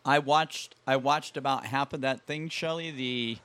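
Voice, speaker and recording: A man co-hosts a casual podcast, rambling and cracking wry jokes. His voice sits at an ordinary middle pitch. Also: steady tone, measured pace, a bit bright, clear, resonant tone, no room sound. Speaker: co-host.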